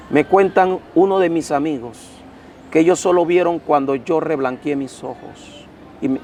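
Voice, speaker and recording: A man's voice: fairly high pitch, creaky, darkish tone, a little hiss or hum. A man, a pastor, telling a dramatic personal testimony to an interviewer, his voice swelling and dropping with emotion. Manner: intense, dramatic storytelling that swells and drops.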